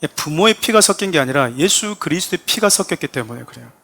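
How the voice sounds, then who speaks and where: Higher-voiced male pastor preaching. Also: lively intonation, quick pace, creaky, pushed and bright. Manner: addresses the congregation directly, acts out quoted voices with rising emphasis. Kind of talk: sermon. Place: church sanctuary.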